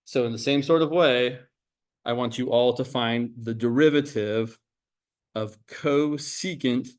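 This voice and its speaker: A man's voice: medium pitch, a little slow, clear, resonant tone. A man teaching a maths class in an informal coaching way, calling out instructions like an exam proctor and explaining step by step. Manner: informal, coaching students directly. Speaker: calculus instructor running a timed exam review.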